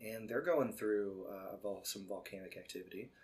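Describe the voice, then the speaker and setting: A man's voice: lowish voice, darkish tone. Rambling, laughing man from Illinois. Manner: rambling, self-correcting, quick to laugh. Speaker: podcast co-host. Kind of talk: casual chat over beer.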